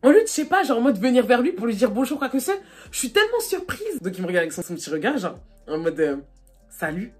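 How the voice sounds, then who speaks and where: A young woman with a husky, slightly high voice tells a storytime into her phone, animated and full of fillers, her pitch shooting up when she relives the embarrassment. Faint music plays under her voice. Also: quick pace. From France. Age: young adult. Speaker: vlogger. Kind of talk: casual storytime. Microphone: phone camera.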